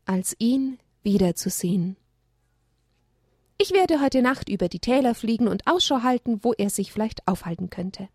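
A woman voicing a wise, calm male owl who speaks thoughtfully. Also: on the high side, slightly rough, no room sound, studio quality. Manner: thoughtful, measured.

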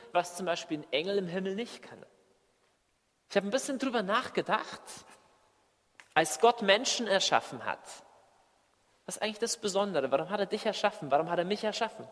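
Guy preaching a sermon, fairly high voice, big echoey hall, goes loud then soft. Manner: dynamic, swings between loud emphasis and quiet asides. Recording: long hall reverb.

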